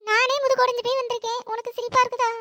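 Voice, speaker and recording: A woman doing a grumbling high cartoon schoolgirl. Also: little pitch movement, racing, sharp tone, no room sound, studio quality. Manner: grumbling, complaining. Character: sulky schoolgirl who was hit by her sister.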